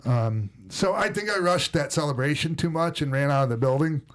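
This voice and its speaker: A man's voice: fairly high pitch, a little fast. A middle-aged man with a Minnesota accent, telling stories on a podcast in a loose, rambling way full of fillers and restarts. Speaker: podcast host and former wrestler. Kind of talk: casual podcast storytelling.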